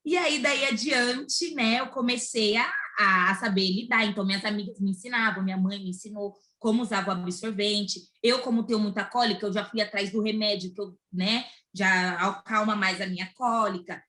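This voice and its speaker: A woman's voice: mid-range voice, normal speed, hardly any pauses. A young woman with a Brazilian Portuguese accent, telling a personal story in casual chat and acting out the quoted lines. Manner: animated, acts out quoted dialogue.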